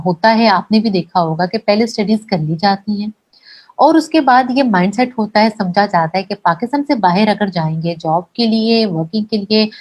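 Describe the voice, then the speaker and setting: A woman at a middle pitch hosts a live session with courtesy. She reads out viewers' questions and puts her own questions to the guest. She nods along with soft "hmm"s. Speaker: host and moderator. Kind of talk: hosting a live Q&A.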